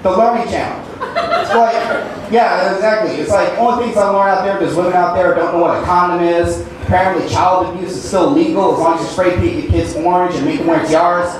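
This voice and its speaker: On a club stage, a young man works through a stand-up set in a high, steady voice, talking a little fast with an awkward, rambling, self-deprecating style. The room is echoey, the mic sits far off, and background noise comes through.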